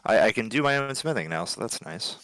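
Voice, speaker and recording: A man's voice: mid-range voice, lively intonation, quick pace, a bit bright, no echo. A man playing in a tabletop game, easygoing, asking questions and tripping over his words. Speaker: player. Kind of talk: casual chat at a tabletop game.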